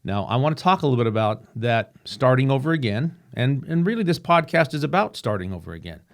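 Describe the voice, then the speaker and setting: A man hosts his own solo podcast from a home room with a painting behind him, reflecting earnestly in a slightly rough, mid-range voice with big pitch swings. He speaks haltingly, with many restarts and fillers.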